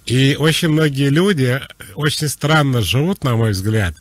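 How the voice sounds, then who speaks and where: A man giving psychological advice on a radio call-in show, explaining in a relaxed, conversational way. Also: medium pitch, unhurried, dry recording.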